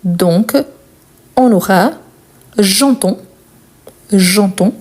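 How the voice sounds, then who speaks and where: Her French carries a non-native accent as she guides a live lesson through verb conjugations. The voice is mellow and warm, pitched in the middle, and she takes her time, repeating each form twice amid small fillers and quick side remarks.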